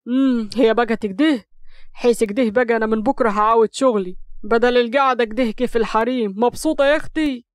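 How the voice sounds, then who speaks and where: A woman's voice: fairly high pitch, quick pace, no echo, studio quality, natural voice. Woman voicing a teasing Upper Egyptian husband. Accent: Upper Egyptian Arabic. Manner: teasing, mock-cool banter. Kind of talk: audio story reading.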